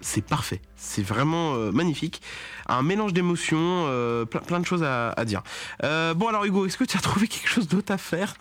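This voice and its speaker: Young male radio host, slightly high, rambling chatter full of fillers and mock exasperation. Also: animated, normal speed, a bit bright, soft background music. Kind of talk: casual radio chronicle.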